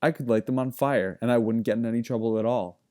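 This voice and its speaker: A man's voice: fairly low pitch, normal speed, mellow, close to an everyday voice. A man reading aloud, voicing a sly, smug young man who teases and bargains easily. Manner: smug, easy, teasing.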